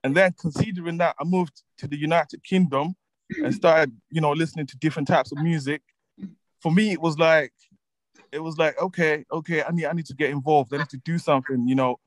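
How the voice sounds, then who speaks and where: A relaxed man in his twenties from Zimbabwe talks about his life as a musician guest. He laughs easily and repeats words as he gathers his thoughts, and his voice sounds dry and close, with no room around it. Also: a little high, a little fast, no echo, poor audio. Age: 20s. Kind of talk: casual interview chat.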